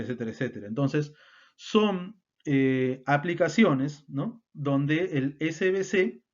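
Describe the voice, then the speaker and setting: Man lecturing, lots of tag questions. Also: on the high side. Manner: explanatory, frequent tag questions and fillers. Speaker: instructor. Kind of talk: technical lecture. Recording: dull lo-fi sound.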